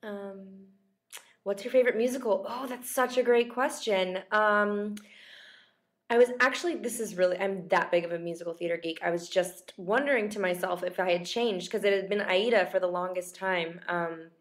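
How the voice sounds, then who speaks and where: A young adult actress who is losing her voice chats casually with fans on a livestream, speaking at medium pitch and a moderate pace. She reads out viewers' questions with self-deprecating humor, recorded close up on a laptop webcam.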